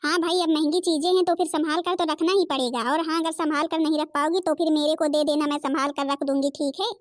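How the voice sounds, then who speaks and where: Woman doing a calm village mother-in-law. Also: sits high, quick pace, dry recording, clean studio sound, lightly acted. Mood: concerned. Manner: soothing, reasoning.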